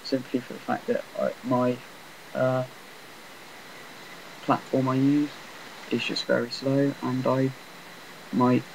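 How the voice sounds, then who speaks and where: A man talks over his gameplay in a rambling, self-deprecating way, with a flat, monotonous delivery. His voice has a gravelly rasp, and the cheap laptop mic picks up a faint hiss behind him. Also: medium pitch, slow pace, long pauses, low-quality recording. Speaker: gameplay commentator. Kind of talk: casual game commentary.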